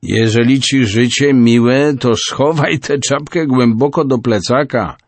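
A man's voice: mid-range voice, a little slow, dry recording, soft background music. A man voicing a kindly, good-natured old man who warns a boy.

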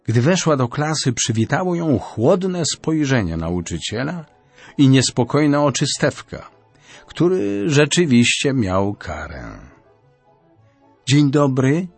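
A man reading a children's story aloud with a lively, swinging intonation. Faint music plays underneath his narration. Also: medium pitch, measured pace, husky, no echo. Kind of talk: audiobook narration.

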